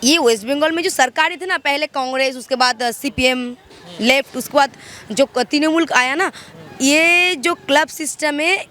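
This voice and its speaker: A woman's voice: sits high, normal speed, sharp tone. A woman from West Bengal answering questions in a street interview, speaking emphatically and often restarting her words. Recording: faint traffic noise outdoors.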